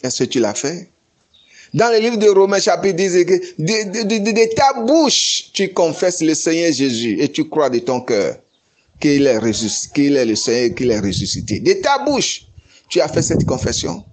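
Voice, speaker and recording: A man preaching a sermon, slow and emphatic, dropping to low murmurs and rising to raised cries. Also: very animated, darkish tone.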